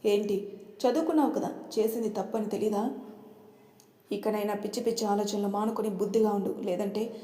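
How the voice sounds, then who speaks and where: A woman's voice: mid-range voice, fairly even intonation, a little fast, mellow, natural voice. A woman voicing an angry, protective young man who scolds sternly. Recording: roomy reverberant room.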